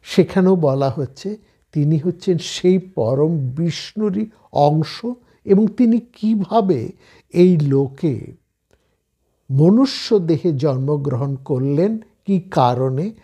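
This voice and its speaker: Slow, mellow Bengali man explaining scripture. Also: a little high, slightly rough. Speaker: spiritual speaker. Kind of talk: scripture discourse.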